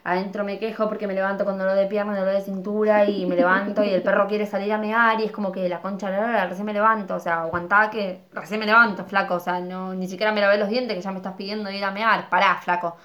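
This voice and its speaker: Argentine woman, tipsy, griping nonstop, talks super fast. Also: mid-range voice, little pitch movement, a bit bright. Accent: Argentine Spanish. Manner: rapid, swearing, complaining rants. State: tipsy from wine. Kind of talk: casual chat.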